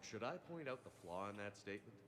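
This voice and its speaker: A man acting as a video game military commander with a lowish voice and lively inflection. He is steady, polite and dryly sardonic. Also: fast, background noise, natural voice. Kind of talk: video game character dialogue.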